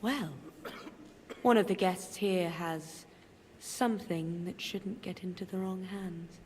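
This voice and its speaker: A woman's voice: fairly low pitch, steady tone, slow pace, a little mellow. Cool noble lady bargaining in a game, echoey hall, bit of hiss. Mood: scheming. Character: scheming noble lady, composed and commanding. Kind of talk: game dialogue acting. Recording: echoey hall, faint background noise.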